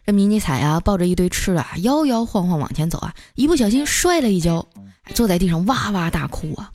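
A woman telling comic stories as a podcast host, lively and chuckling often. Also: mid-range voice, a little fast, no room sound. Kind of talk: comic storytelling. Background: background music.

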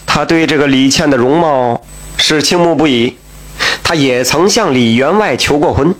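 A man's voice: a little high, normal speed. A man telling a folk tale in a chatty, colloquial way, with asides and exclamations. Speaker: storyteller.

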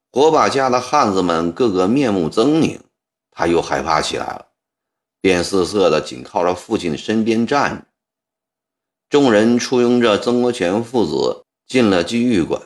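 A man narrating a historical novel as a storyteller, voicing the characters' dialogue as he goes. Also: lowish voice.

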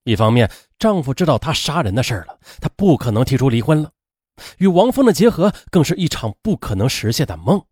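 A man narrating a true-crime story dramatically, in a colloquial manner with drawn-out particles. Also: breathy edge, dry recording, clean studio sound. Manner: animated, acts out women's lines in a high strained voice.

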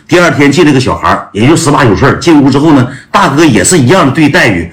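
A man's voice: medium pitch, big pitch swings, quick pace. A man telling a story to his listeners in a blunt, slangy way, laughing as he goes. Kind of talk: casual storytelling to an audience. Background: music.

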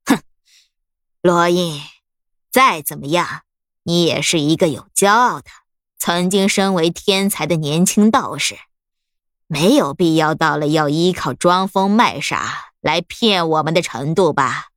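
A woman voicing a cold, menacing old woman sorcerer who speaks slowly and threateningly. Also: deep voice, dry recording, clean studio sound, pitched below the performer's own voice. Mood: scornful. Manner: slow, icy, threatening.

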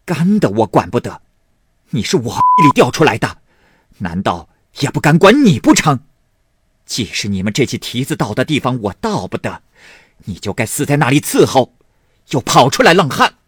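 A man voicing a furious, loud-mouthed mother hurling abuse at her daughter, in a storybook reading. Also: mid-range voice, expressive, unhurried, no room sound, clean studio sound. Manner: yelling, coarse abuse.

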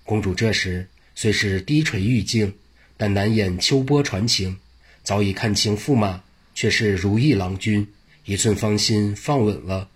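A man narrating a traditional tale in a measured, classical style and addressing his listeners in asides. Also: fairly low pitch, slightly rough. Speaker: storyteller.

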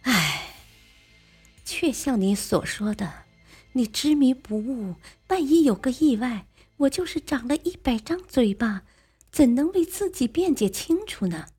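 A devoted young fox spirit speaks high and insistent, with a husky grain and lively swoops of pitch. A woman performs her in a storybook reading. Soft music sits faintly underneath. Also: unhurried, full character voice. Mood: reproachful.

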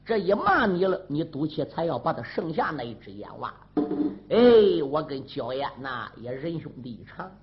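A man's voice: on the high side, lo-fi sound. A man voicing a loyal young sworn brother who pleads and bargains earnestly.

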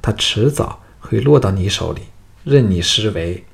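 A man's voice: fairly low pitch, animated, measured pace, vocal fry. A man voicing a seductive, cunning captive noblewoman in an audiobook, speaking in a coy, coaxing way. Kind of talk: audiobook character voice.

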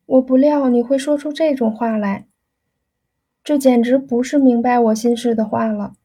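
A woman's voice: on the high side, fairly even intonation, normal speed, dark tone, slightly rough. A woman voicing a shy young woman being courted, coy and teasing as she dodges a proposal. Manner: coy, laughing off the question.

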